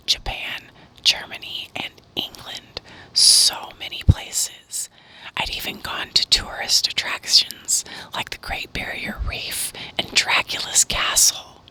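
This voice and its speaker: A woman narrating horror stories in a breathy ASMR whisper, reading deliberately with pauses. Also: bright, forceful tone, rough recording.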